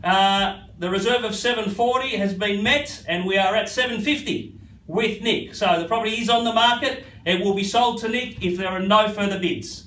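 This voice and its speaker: A high-pitched Australian man runs a live property auction with repetitive patter, naming bidders as he goes. His voice rings with echo and sits a little back from the mic, with faint noise behind it. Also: normal speed, sharp tone. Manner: repetitive, addresses bidders by first name. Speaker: real estate auctioneer. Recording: echoey, slightly distant, faint background noise.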